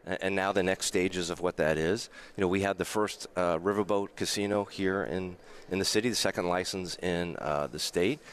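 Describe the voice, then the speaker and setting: A man's low, clear, resonant voice carries a steady tone at normal speed with few pauses. He's a hotel general manager from the Bronx with a New York accent, telling history as a radio guest and frequently restarting in stammers.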